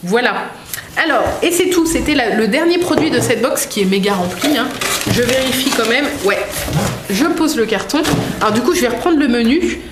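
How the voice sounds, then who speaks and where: A woman's voice: on the high side, lively intonation, moderate pace. A woman vlogger chatting casually as she unboxes products, reading labels aloud with many fillers. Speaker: vlogger unboxing a food box. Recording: echoey room with faint noise.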